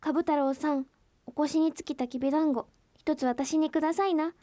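A woman's voice: high voice, steady tone, a little fast, warm tone, big-room sound, close to an everyday voice. A woman voicing a dog in a folk tale who pleads politely for a dumpling. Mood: pleading. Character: polite begging dog companion.

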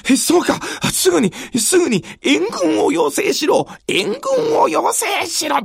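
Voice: medium pitch, wildly swooping pitch, drawn-out words, creaky, crowd noise, exaggerated voice. A storyteller voicing an anxious male shogun, speaking urgently and flustered. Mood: alarmed.

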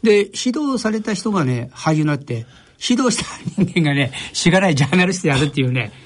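An older Japanese journalist appears as a guest on a radio interview in a studio. His voice is on the high side and quick, and he tells stories in a relaxed way with wry self-deprecation.

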